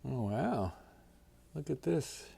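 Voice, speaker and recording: Laid-back guy with a gravelly voice, chatty guitar vlog host, pitch all over the place. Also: slow pace. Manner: relaxed, folksy, chatty. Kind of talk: casual unboxing vlog.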